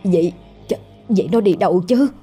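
A woman's voice: lowish voice, a little fast, mellow, breathy edge, faint music behind. A woman voicing a trembling frantic mother. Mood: distraught. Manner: trembling, wailing. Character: frantic rural mother, frail and worried.

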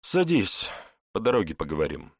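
A man's voice: deep voice, normal speed, dry recording, clean studio sound, heavily acted. A man doing a courteous, smiling official. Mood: genial. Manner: courteous, calm, genial. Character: polite, smiling young male security officer.

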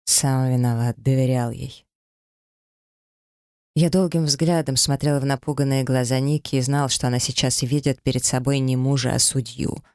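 A man narrating a first-person audiobook story in a cold, flat, detached manner. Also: mid-range voice, moderate pace, clear, resonant tone, no room sound, clean studio sound.

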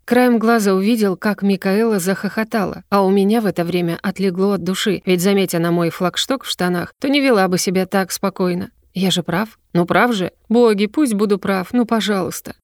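A woman reads a first-person story with wry, lively timing. Her voice sits at an ordinary middle pitch. It is recorded close up in a very dry booth. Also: brisk, hardly any pauses, dry recording. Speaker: audiobook reader. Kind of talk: scripted first-person narration.

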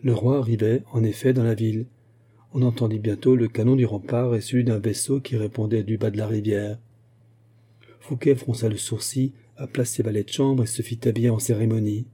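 A male audiobook narrator with a very dark, mellow tone and a husky edge. He tells the story in a measured, steady way, letting each sentence unfold calmly. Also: lowish voice.

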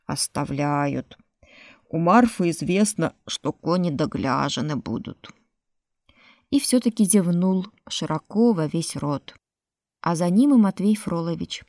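A woman's voice: lowish voice, mellow, no echo, clean studio sound. A woman narrating a story in an audiobook reading.

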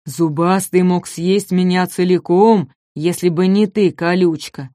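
A huge, gentle long-necked dinosaur speaks slowly and wisely, voiced by a woman. His words come unhurried and deliberate, a touch lower and softer. The recording is dry and near. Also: no echo, lightly acted. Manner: slow, deliberate.

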